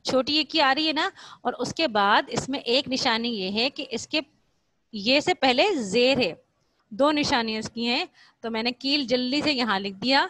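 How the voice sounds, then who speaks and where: A woman's voice: sits high, a bit bright, no room sound. A woman teacher giving a recorded school lesson to young children, patiently repeating points and answering her own questions, slipping in English words. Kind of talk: recorded online class lesson.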